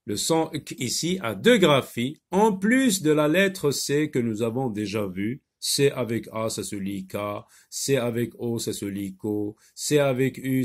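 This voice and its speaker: A man teaching a phonics lesson to children, stretching out sounds and words and pausing on hesitation fillers. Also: mid-range voice. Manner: slow, drawn-out repetition of sounds and words.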